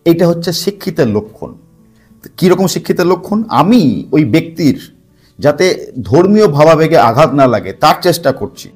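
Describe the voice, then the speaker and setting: This spiritual talk host's voice sits on the high side and has a darkish tone. Addressing the camera with emphasis, he blends English words into his commentary, repeats phrases, and asks rhetorical questions.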